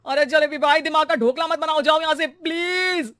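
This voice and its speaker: A man's voice: very high voice, normal speed, sharp tone, no echo, studio quality. A man voicing a fed-up husband in a comedy cartoon, complaining and pleading in exasperation. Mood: fed up, dramatic. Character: exasperated middle-class husband, employer of a maid. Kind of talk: comic Hindi cartoon acting.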